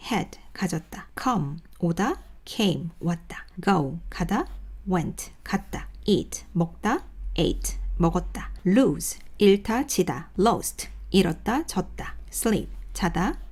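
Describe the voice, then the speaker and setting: A woman teaches English grammar in a recorded lesson, speaking. Her pitch moves a lot as she explains step by step. She reads vocabulary pairs slowly and clearly. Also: lively intonation, a little mellow. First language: Korean.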